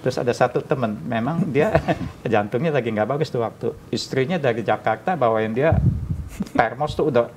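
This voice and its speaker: A man in middle-of-the-road pitch telling a story on a chat stream, slipping into the voices of the people in it. He laughs easily and keeps the tale moving. A faint background noise sits under his voice. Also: moderate pace. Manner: animated storyteller acting out dialogue, laughs often. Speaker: guest.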